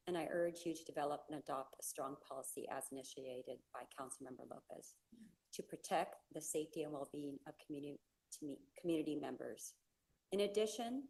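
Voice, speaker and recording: A middle-aged woman from California, a native Spanish speaker, giving an earnest, halting public comment at a council meeting. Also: deep voice, darkish tone, poor audio. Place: council chamber.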